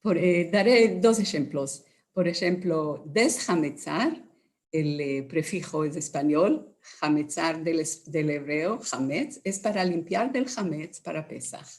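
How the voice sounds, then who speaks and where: A woman with a Moroccan Judeo-Spanish Haketia accent, explaining carefully with many pauses as an interview guest. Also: low-pitched. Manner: measured, with many hesitations and lively quoted voices.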